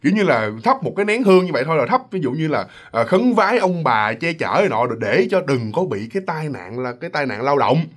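Guy telling ghost stories, chatty, fairly high voice. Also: big pitch swings, quick pace, hardly any pauses. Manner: chatty, addresses listeners directly. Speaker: ghost story narrator. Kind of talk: casual storytelling.

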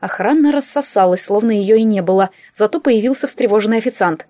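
A woman narrating a humorous romance audiobook in a wry, lively first-person manner. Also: mid-range voice, a little fast, no room sound, lo-fi sound.

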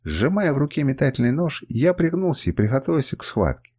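Male narrator, husky, lively pitch, dramatic first-person audiobook read. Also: a little fast.

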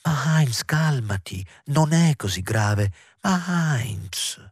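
A man reading an audiobook voices a gentle, doting middle-aged mother who speaks softly and anxiously. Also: mid-range voice, lively intonation, slow, slightly rough, dry recording, studio quality, voice pushed up. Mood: soothing.

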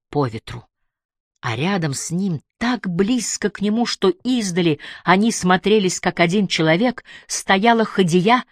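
A woman narrating an audiobook with a measured, dramatic reading. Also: on the low side, no echo, clean studio sound. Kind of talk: scripted narration.

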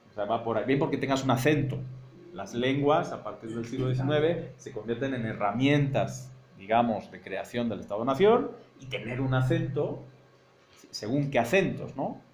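A university teacher from Madrid, speaking with a Spain Spanish accent, gives a seminar lecture, explaining step by step, thinking aloud and checking understanding with frequent "¿no?". His mid-range voice is expressive and a little mellow, at a moderate pace, in an echoey room.

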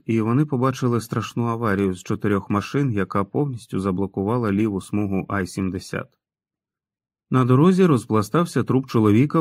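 A man's voice: fairly low pitch, a little mellow, dry recording, clean studio sound. A man reading an audiobook in a dramatic, storytelling manner. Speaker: audiobook narrator. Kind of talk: scripted narration.

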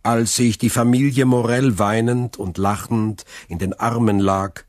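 A man narrating a classic novel in a measured, storytelling way on a close microphone. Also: mid-range voice, steady tone, darkish tone, no room sound. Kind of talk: scripted audiobook narration.

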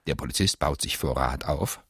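Low creaky guy doing scripted film narration, faint music behind. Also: moderate pace, a bit bright. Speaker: audio description narrator.

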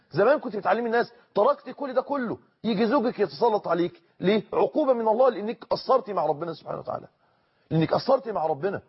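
A man with an Egyptian Arabic accent preaching a sermon in an earnest manner, repeating his phrases for emphasis and slowing down for quotations. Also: high-pitched, slightly rough, highs cut off.

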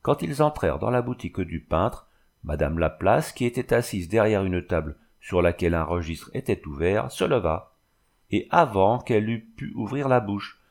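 Low-voiced man reading a novel. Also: lively intonation, moderate pace, creaky, darkish tone. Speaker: reader. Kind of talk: audiobook narration.

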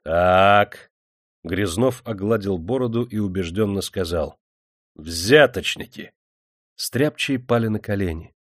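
Man reading a novel aloud, steady dramatic reading, dry close sound. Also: on the low side, normal speed, hardly any pauses, no echo. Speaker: narrator. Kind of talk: audiobook narration.

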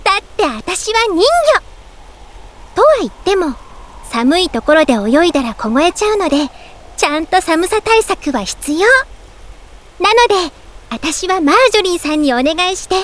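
Over music, a woman performs a Japanese audio drama monologue as a newlywed young mermaid in a game tie-in, telling her tale in the first person. At a normal pace and in a very high voice, she sounds proud and playful, with cutesy, expressive exclamations.

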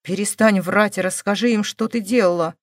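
A woman's voice: medium pitch, normal speed, no room sound, clean studio sound, close to an everyday voice. A woman voicing a worried grandmother who scolds and pleads with her granddaughter. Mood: exasperated.

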